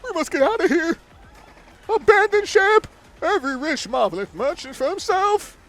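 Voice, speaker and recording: A man's voice: very high voice, expressive, normal speed, a bit bright, full character voice. A man voicing a flamboyant, vain merchant adventurer from a video game, grandiose and theatrical in manner. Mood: panicked, blustering. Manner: grandiose, theatrical, stammers when frightened.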